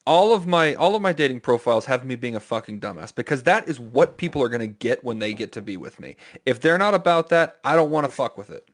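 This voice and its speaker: Brief: male podcast co-host, mid pitch, crude banter, casual. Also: animated, fast talker, few pauses. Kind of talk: casual chat.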